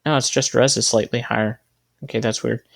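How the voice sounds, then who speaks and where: Casual gameplay commentary comes from a gaming video creator with a medium-pitched, steady, brisk voice and some vocal fry. He thinks out loud while setting up his team, revising his choices as he goes.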